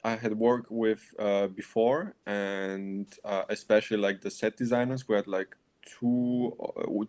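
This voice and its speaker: A young man, a film director raised in Austria whose first language is Bulgarian, answers audience questions at a festival. His voice sits a little low. He speaks in a halting, reflective way and laughs lightly between thoughts. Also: a little mellow.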